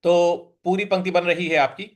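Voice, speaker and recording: A man teaching verse recitation, chanting lines slowly and then explaining pronunciation in quick asides. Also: sits high, fairly even intonation. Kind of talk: Sanskrit recitation lesson.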